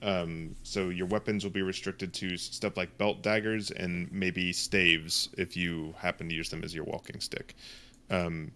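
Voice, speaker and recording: A male game master with a fairly low voice talks casually and hesitantly. He explains tabletop rules with frequent ums and restarts. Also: level tone, unhurried, pushed and bright, slight background noise.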